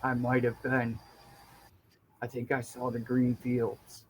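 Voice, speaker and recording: Guy doing a weak poisoned gnome, croaky little whisper, barely there. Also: mid-range voice, monotone, slow, a little mellow, a little hiss or hum, lightly acted, poor audio. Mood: feeble. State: weak and faint.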